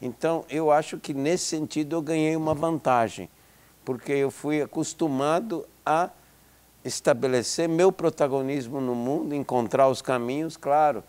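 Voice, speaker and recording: A smooth, slightly mellow voice on the high side carries this older man's reflective interview talk at a moderate pace. He is an Israeli psychology professor in his seventies, a native Hebrew speaker, hesitating with many restarts and fillers.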